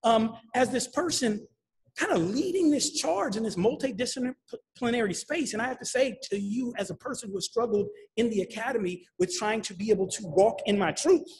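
A man moderating a panel, animated and emphatic, often repeating himself and asking "right?". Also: extremely high pitch, normal speed. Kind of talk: panel discussion.

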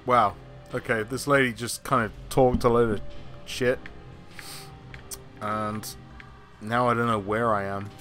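A British man chats casually as he streams a game from a room at home. His voice is mid-pitched and close on the mic. Faint game music sits behind him. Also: fairly even intonation, unhurried, long pauses, a bit bright. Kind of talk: casual chat over gameplay. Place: small room at home, indoors.

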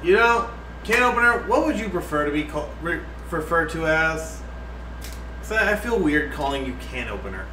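This livestream co-host is drunk, trading casual banter full of jokes and swearing in a tipsy, profane way. His voice is a little high and sing-song, at a moderate pace. He's in a home kitchen indoors, caught by a distant room mic that gives a roomy sound with faint noise.

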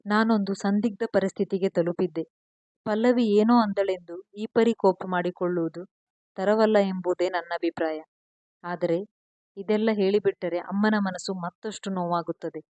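A woman with a Kannada accent narrating a love story with emotion, softly voicing the characters' pleas. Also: fairly low pitch, dry recording, muffled recording.

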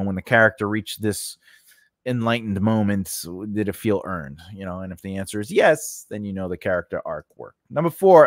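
The host of a screenwriting lesson channel, a middle-aged man, gives an emphatic, chatty lesson straight to camera. His voice is on the low side with a fairly bright tone, captured dry on a close studio condenser mic on a stand in a small home studio with a cloth backdrop.

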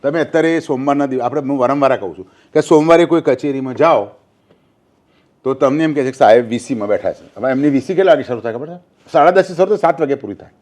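A man's voice: medium pitch, fast, darkish tone. An older man from Gujarat, a former newspaper journalist, talking politics in an interview and telling anecdotes, acting out quoted speech.

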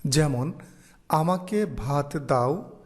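A man teaching an online lesson, explaining slowly and reading out example phrases. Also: fairly high pitch, lively intonation, a little mellow. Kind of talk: online lecture.

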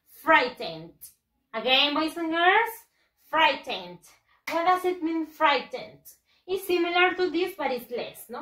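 A woman teaching English to young learners, switching between English and as she goes. Her voice is bright and fairly high, and she speaks slowly, drawing out each word she wants the children to repeat. The recording carries a noticeable room echo. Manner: slow, drawn-out model pronunciations and spelled letters. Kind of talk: bilingual English lesson for children.

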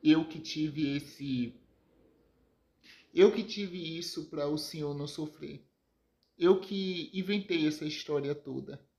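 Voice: medium pitch, slow, a little mellow. A narrator voicing a grown son who earnestly justifies his lies to his father. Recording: roomy echo.

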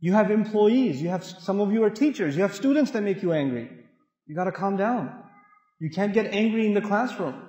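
A middle-aged man from Pakistan giving an animated, humorous Islamic talk to an audience in a large mosque hall, acting out voices as he tells stories. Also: high voice, brisk, highs cut off. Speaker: Islamic lecturer. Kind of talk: sermon-style talk with storytelling. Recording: echoey hall with long reverb.

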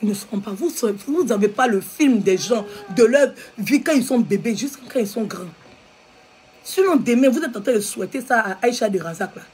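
A woman's voice: a little high, lively intonation, brisk, a little mellow. A woman with an Ivorian French accent giving a heated, repetitive rant that scolds her viewers. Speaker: social media commentator. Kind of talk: angry live video rant.

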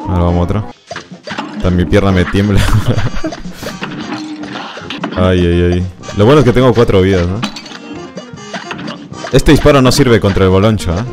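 A man streaming a game, giving running commentary, muttering to himself, barking orders at his character and yelping when things go wrong. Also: on the low side. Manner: excitable, yelps and laughs at the game. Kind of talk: live gameplay commentary. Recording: streamed voice over loud game music. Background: game music.

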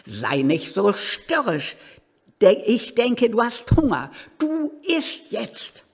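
Man voicing a furious shrill woman. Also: normal speed, vocal fry, husky, heavily acted. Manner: loud, raised and harsh. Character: furious grown woman, harsh and shouting. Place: reading hall. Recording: reverberant hall.

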